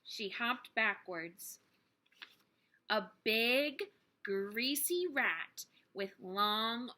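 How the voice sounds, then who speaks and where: This woman, a teacher, has a medium-pitched voice with a sharp tone. She reads a children's book aloud to young listeners expressively, leaning into dramatic, emphatic phrasing.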